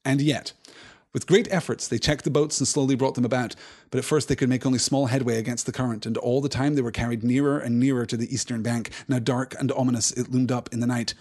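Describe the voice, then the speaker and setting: A man's voice: mid-range voice, fairly even intonation, quick pace, darkish tone. Enthusiastic man reading and musing aloud. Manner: thoughtful, enthusiastic, digressive. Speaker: host of a live book-reading stream. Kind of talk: reading aloud and discussing, answering chat.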